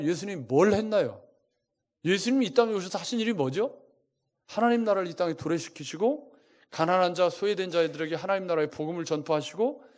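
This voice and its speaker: A male pastor preaching a sermon, asking his congregation one rhetorical question after another and swinging his loudness for emphasis. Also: on the high side. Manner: lively, shifting loudness for emphasis.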